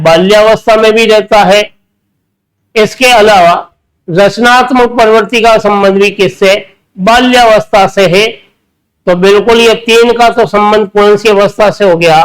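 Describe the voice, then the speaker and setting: A man's voice: high-pitched, fairly bright tone, low-quality recording. A male teacher with a Rajasthani Hindi accent giving an exam-prep lecture, asking rhetorical questions and answering them himself. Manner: slows down to spell out key terms.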